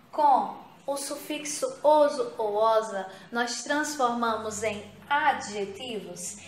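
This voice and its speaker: A woman teacher with a fairly high voice talks slowly and patiently, repeating points for young pupils. Her voice rings in an echoey room, with a faint hum of ambience behind her. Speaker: primary school teacher. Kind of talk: recorded remote grammar lesson.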